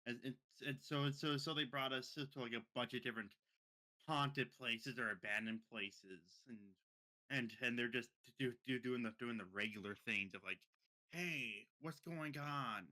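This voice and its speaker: A man's voice: mid-range voice, steady tone, moderate pace, bright, forceful tone. A young man casually telling a story on a podcast, rambling with many repeats and restarts. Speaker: podcast co-host.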